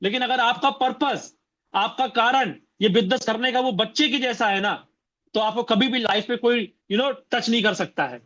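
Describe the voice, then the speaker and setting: Male motivational trainer, very high bright voice, punchy repetition and rhetorical questions, dull lo-fi sound. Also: moderate pace. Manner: repeats phrases and fires rhetorical questions at the audience. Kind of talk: motivational seminar talk. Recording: dull lo-fi recording.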